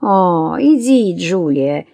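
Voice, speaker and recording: A woman's voice: expressive, creaky, dark tone, no room sound, exaggerated voice. A woman voicing a drunk, spiteful society woman who jeers shrilly and drawls her insults. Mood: mocking laughter. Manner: shrill, jeering, slow and scornful.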